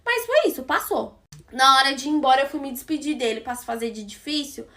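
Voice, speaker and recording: A woman's voice: high-pitched, lively intonation, a little fast, bright, forceful tone. A young Brazilian woman with a Brazilian Portuguese accent, chatting casually as she tells her followers a story, gossipy and addressing them like friends.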